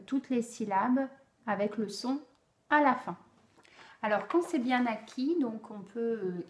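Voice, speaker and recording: A woman explaining how to teach a speech sound to children, slow and deliberate, with frequent pauses and fillers. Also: on the high side, darkish tone. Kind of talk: instructional explanation for parents. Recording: echoey room.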